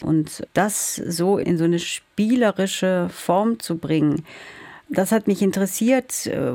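A novelist who grew up in the Soviet Union answers questions in a radio interview thoughtfully and searchingly, with some hesitation. Her lowish, warm voice has vocal fry, and the recording is dry.

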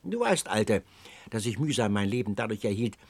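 A man's voice: fairly low pitch, animated, moderate pace, slightly rough, no room sound. A man voicing a poor, hot-tempered young laborer in an audiobook. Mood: angry. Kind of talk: audiobook character voice.

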